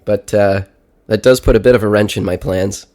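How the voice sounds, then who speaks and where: A man's voice: fairly low pitch, fairly even intonation, normal speed, warm tone. A 30-year-old man, sick and congested, sounding nasal as if his nose were pinched, talking casually in a personal audio diary. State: sick with a stuffy head cold. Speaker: podcast segment host.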